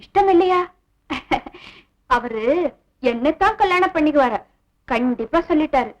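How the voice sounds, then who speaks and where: Casting: a high-voiced, proud young orphan woman in a classic 1960s film drama, blunt, quick-witted, addresses her employer as sir,. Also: animated, darkish tone, lo-fi sound. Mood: calm, firm. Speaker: household worker. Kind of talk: 1960s Tamil film acting.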